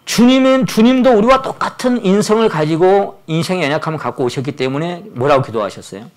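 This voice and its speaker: A man's voice: high voice, quick pace. A man in his sixties preaching a Sunday sermon at a church service, telling stories and acting out the voices of the people in them. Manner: animated storytelling, acts out quoted voices. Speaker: pastor.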